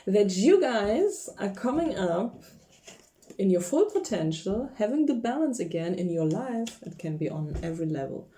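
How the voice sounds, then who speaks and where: A Polish woman whose first language is Polish chats casually through a tarot card reading, laughing often and searching for English words. Her mid-range voice is mellow and sing-song, and she speaks at a moderate pace.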